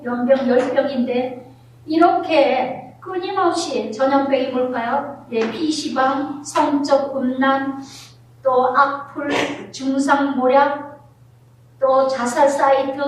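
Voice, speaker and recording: A middle-aged woman pastor preaching a sermon, telling family stories with animated, acted-out scenes. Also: sits high, a little hiss or hum. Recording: very echoey hall, voice from far off.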